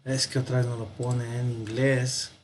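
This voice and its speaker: A man teaching a recorded Latin lesson, speaking slowly, repeating forms for dictation and correcting himself aloud. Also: mid-range voice, flat delivery, slight background noise.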